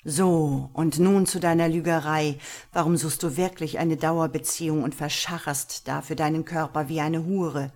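A woman's voice: low voice, steady tone, moderate pace, a little mellow. Woman voicing a stern commanding master. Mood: harsh. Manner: barked orders, harsh and mocking. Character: stern commanding male master, cold and dominant.

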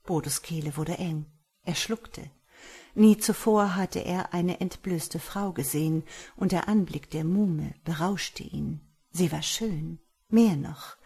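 A woman narrating a dark fairy tale in German, reading in a measured, dramatic way. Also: fairly low pitch, slightly rough. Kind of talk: storytelling audiobook narration.

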